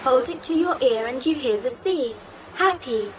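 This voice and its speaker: A woman's voice: high-pitched, expressive, a little hiss or hum, poor audio. A simple, eager child-like girl. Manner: short halting phrases, simple words.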